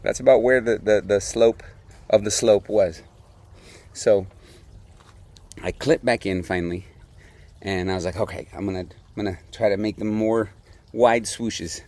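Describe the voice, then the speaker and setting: Low-voiced man telling a story. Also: measured pace, long pauses. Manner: animated, laughs often, acts out quotes. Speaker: beer podcast host. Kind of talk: casual storytelling.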